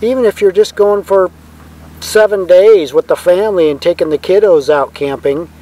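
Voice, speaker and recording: A man's voice: high-pitched, moderate pace, warm tone, poor audio. A man co-hosting a vlog, giving casual advice to the camera in a folksy, reassuring way. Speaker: vlog co-host.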